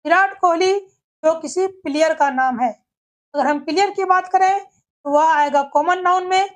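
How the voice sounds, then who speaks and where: A woman with a very high, light voice gives a scripted grammar lesson. She works through one word after another in a steady, methodical way, often pausing to ask her class a rhetorical question before giving the answer. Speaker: English teacher.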